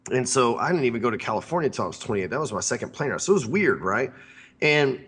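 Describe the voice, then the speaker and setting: With a husky, slightly bright, medium-pitched voice, the man talks fast in a sing-song way. He's hosting a sales podcast, rambling brashly and swearing casually.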